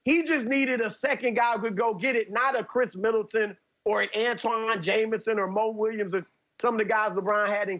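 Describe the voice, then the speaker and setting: High-voiced argumentative male analyst. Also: a bit bright, dull audio. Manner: argumentative, building a case point by point. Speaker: sports analyst. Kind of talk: debate show commentary.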